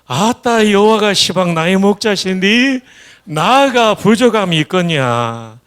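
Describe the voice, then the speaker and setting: A man's voice: high voice, animated, a bit bright, clean tone, voice pushed up, exaggerated voice. A man reciting a psalm in a broad Jeolla dialect, exclaiming and drawing words out. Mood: exuberant. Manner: exclamatory, drawn-out folksy recitation.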